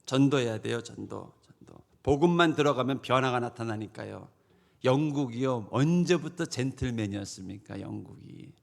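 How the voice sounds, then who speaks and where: A middle-aged male pastor preaching a sermon emphatically, swinging from loud declarations to hushed asides. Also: medium pitch, normal speed, vocal fry.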